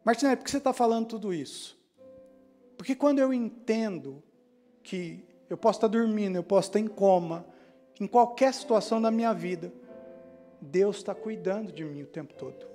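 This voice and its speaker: A man preaching a testimony sermon, telling his story and quoting others in hushed voices. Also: high voice, expressive, normal speed, soft background music.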